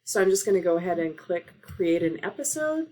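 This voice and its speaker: A woman's voice: on the low side, sing-song, fairly quick, mellow. A woman teacher-librarian giving a casual tutorial, talking through steps on her laptop with frequent fillers, recorded on the laptop microphone. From Oregon. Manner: casual, filler-heavy instruction. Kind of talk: screen-share tutorial.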